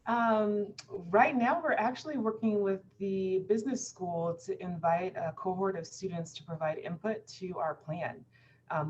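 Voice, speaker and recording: Role: community development manager. Sex: woman. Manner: polite, measured, with light hesitations. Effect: cutting-out internet connection on a video call. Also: sits low, darkish tone. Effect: choppy, cutting-out internet connection. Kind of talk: answering questions in a virtual info session. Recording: dull lo-fi video call audio with faint noise.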